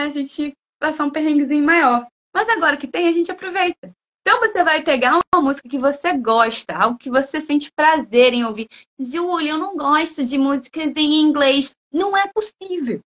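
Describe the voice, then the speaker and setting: Woman from Brazil, high-pitched, animated livestream guest speaker, playful, muffled lo-fi audio. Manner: animated, playful, acts out imagined students' lines. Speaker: guest speaker, language school head. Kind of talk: lively talk in a livestream.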